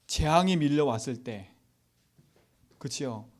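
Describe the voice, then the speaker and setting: A male pastor giving a sermon. He asks the congregation rhetorical questions and swings from loud exhortation to near-whispers. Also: medium pitch, animated, takes it slowly.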